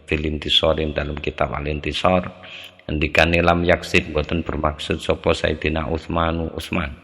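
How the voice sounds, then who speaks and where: In a big-room setting, a teacher with a very deep, gravelly, slightly bright voice works through a classical Arabic text word by word. He recites the Arabic, glosses it in Javanese, and follows with an explanation in Indonesian.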